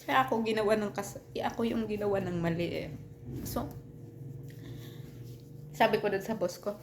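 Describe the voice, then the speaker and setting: A woman telling a personal story in casual storytime style, halting with many restarts and fillers, earnest and turning heated at times. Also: medium pitch, background noise.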